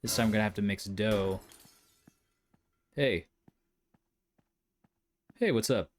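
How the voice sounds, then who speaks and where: Low-voiced man muttering through a game. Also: takes it slowly, a little hiss or hum. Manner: jokey, mutters to himself while playing. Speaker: let's player. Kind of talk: casual gameplay commentary.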